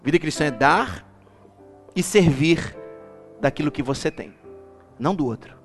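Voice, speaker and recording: A man preaching a lively church sermon as bishop, calling the congregation to repeat after him and building up to shouts. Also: fairly high pitch, a little slow, soft background music. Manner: animated, rising to shouts, calls congregation to repeat.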